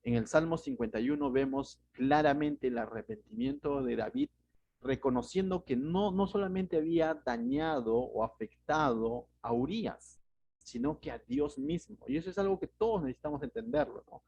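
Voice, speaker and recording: Peruvian pastor teaching conversationally. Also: male voice, a little high, lively intonation, moderate pace, gravelly, darkish tone, slightly rough, no echo, lo-fi sound. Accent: Peruvian Spanish. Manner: conversational, asks the listeners rhetorical questions. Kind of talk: verse-by-verse Bible teaching.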